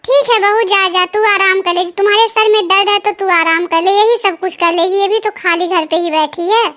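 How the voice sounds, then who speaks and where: A woman's voice: very high voice, steady tone, brisk, fairly bright tone. A woman voicing a fretful cartoon mother. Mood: scolding. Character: fretful middle-aged Indian mother. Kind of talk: cartoon story voice acting.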